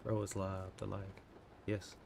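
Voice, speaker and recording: A man in his thirties codes on a livestream, muttering his thoughts in half-finished phrases as he chats casually. His voice is deep with vocal fry and a measured pace, over steady background noise.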